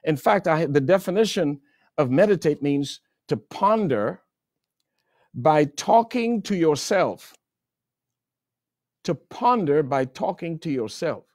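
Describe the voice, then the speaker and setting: A male pastor preaching with a lively, swinging voice that climbs and drops. He leans on repetition to drive his points home, and the sound is close and dry. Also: a little high, slow pace, long pauses, dry recording. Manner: repeats phrases for emphasis, rising and falling delivery. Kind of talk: sermon.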